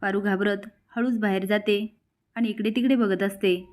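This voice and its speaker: A woman narrating a recap of a television serial in a steady storytelling voice. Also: mid-range voice, normal speed.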